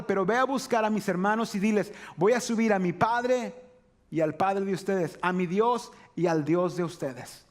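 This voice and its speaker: A man preaching a sermon in church, often checking in with "¿verdad?". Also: high-pitched. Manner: conversational preaching, frequent "¿verdad?" tags. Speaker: pastor.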